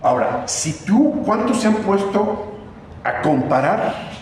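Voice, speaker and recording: A man's voice: sits high, sing-song, slow pace, darkish tone. A man preaching a sermon as pastor, emphatic, asking the congregation questions and repeating words for stress. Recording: echoey hall with background noise.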